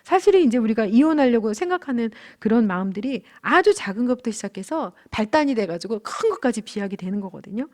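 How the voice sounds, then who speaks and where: A woman's voice: a little high, fast, few pauses. Earnest woman teaching a marriage class. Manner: earnest, candid storytelling with animated quoted outbursts. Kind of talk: church lecture with personal stories.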